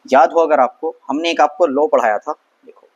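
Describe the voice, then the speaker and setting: A man with a slightly higher voice teaches a school science lesson in a casual, conversational tone. He keeps asking questions aloud and answering them himself, sprinkles in English terms and slows down when reading English text. He sounds like a friendly tutor working through a problem on a board. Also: husky, dull audio. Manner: conversational, asks and answers his own questions; mixes English terms and reads English text slowly.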